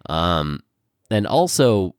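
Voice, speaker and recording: A young man co-hosting a casual podcast, nasal and congested from a cold, hesitant with many pauses and ums. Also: low-pitched, big pitch swings, clear, resonant tone, dry recording, clean studio sound. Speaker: podcast co-host.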